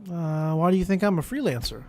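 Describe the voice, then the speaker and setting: Higher-voiced man doing game commentary. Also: animated, fairly quick. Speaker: gaming video host. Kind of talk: casual game playthrough commentary, reading dialogue options aloud.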